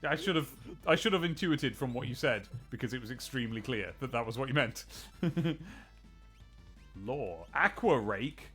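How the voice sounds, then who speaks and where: A man with a medium-pitched, fairly bright voice talks at a normal speed in an animated way over soft background music. He's streaming a video game late in the day, sleepy yet chatty, in casual live-stream banter. He laughs a lot and retells old TV scenes as anecdotes, putting on voices for the quotes.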